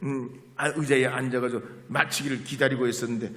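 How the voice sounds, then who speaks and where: A middle-aged male pastor preaching a sermon, switching from quiet asides to the congregation to loud, emphatic exclamations. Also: medium pitch, flat delivery, fairly quick. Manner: chats with the congregation, asks them to repeat after him. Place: church sanctuary. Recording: long hall reverb in a church.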